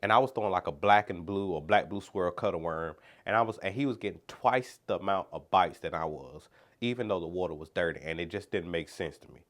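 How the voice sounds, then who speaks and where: A man's voice: sits low, a little fast. A congested man, talking through his nose, who hosts a fishing channel and rambles chattily through a casual unboxing vlog.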